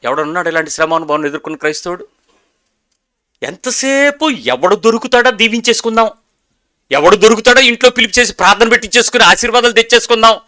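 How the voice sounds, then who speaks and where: A man's voice: high voice, racing, sharp tone. A man preaching a sermon as pastor, emphatic and urging his congregation to repeat after him.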